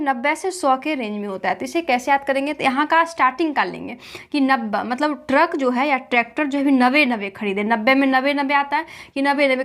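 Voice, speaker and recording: A woman's voice: high voice, a bit bright. A woman teaching a lesson with memory tricks, asking questions and answering them herself, repeating key points.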